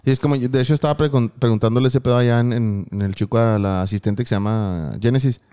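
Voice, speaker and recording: A man's voice: medium pitch, fast talker, warm tone, clear, resonant tone. A man with a Mexican Spanish accent, co-hosting a casual chat podcast, arguing his points in slangy, profane talk. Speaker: podcast co-host.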